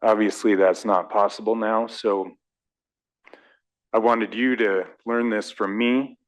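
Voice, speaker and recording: Low-voiced hesitant man apologizing. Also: steady tone, slow, low-quality recording. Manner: hesitant, apologetic, many fillers. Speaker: railroad company representative. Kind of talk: formal address at a council meeting.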